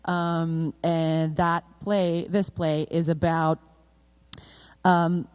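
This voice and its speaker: A woman with a Brazilian accent, an actress and producer, talking in an interview with many pauses and fillers. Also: sits low, level tone, darkish tone, clean tone. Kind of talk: casual interview talk.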